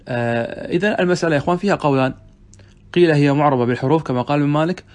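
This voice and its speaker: Fast-talking male grammar teacher lecturing. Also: medium pitch, darkish tone. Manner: reads passages aloud, then explains them with questions to students. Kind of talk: classroom lecture reading and explaining a text.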